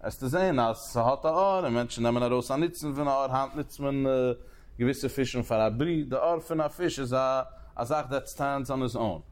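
A man teaching a religious text as a study lecture, talking in rapid bursts, repeating and restarting phrases and posing questions as he works through the reasoning. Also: medium pitch. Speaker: Talmud teacher.

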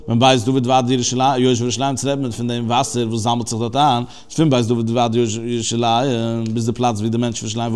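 A man's voice: medium pitch, clean tone. A man teaching a religious text, explaining its Hebrew terms phrase by phrase in a conversational way. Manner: conversational, with restarts and fillers. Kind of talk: text study lesson.

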